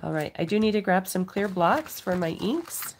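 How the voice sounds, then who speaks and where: A woman's voice: medium pitch, lively intonation, moderate pace, a little hiss or hum. A middle-aged woman with a cold, giving a casual craft demonstration to viewers as the host at home. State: has a cold, occasional cough. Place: indoors at a home craft table.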